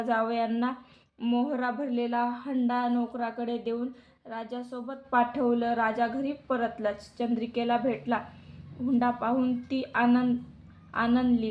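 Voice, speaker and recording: A woman recites a devotional story in a steady, even delivery. Her voice sits a little high and barely moves in pitch, and the recording sounds dull and lo-fi.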